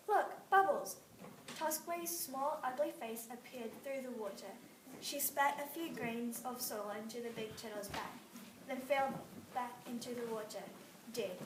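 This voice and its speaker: Woman reading a story in a roomy space. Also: fairly high pitch. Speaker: reader. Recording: roomy, distant mic, faint noise.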